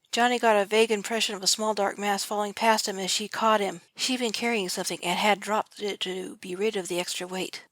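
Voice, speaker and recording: A woman's voice: medium pitch, a bit bright, no room sound. A woman reads her own adventure story aloud in a home-made audiobook style. She stumbles and restarts often. The recording is dry, with no room sound. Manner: reads with frequent slips and restarts. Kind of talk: amateur audiobook narration.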